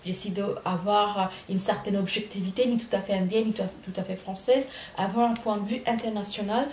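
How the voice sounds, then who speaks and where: A middle-aged writer from Bengal, India, with an Indian accent, gives reflective interview answers, choosing words slowly and reworking phrases with many hesitations and self-corrections. Her medium-pitched, darkish voice has fairly even intonation. Some room echo and a faint ambient hum are audible.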